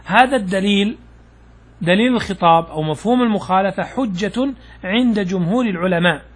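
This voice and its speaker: A man, an Islamic scholar, teaching jurisprudence in a patient, explanatory lecture, pausing with fillers and asking questions he answers himself. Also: high-pitched, husky. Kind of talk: classroom lecture explaining a text.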